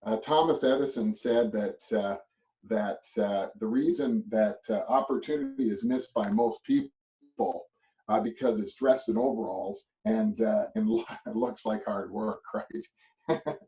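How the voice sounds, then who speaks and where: A man's voice: fairly low pitch, a little slow, dark tone. A middle-aged man from Canada giving a motivational presentation to real estate agents, rambling and chuckling, with many a tag "right?". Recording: distant muffled mic.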